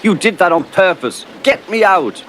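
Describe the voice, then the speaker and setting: A man's voice: high voice, animated, moderate pace, fairly bright tone, a little hiss or hum, pitched above the performer's own voice. A man voicing a cheeky, impatient young male tank engine, boastful and scolding, over a storybook music bed. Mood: panicked.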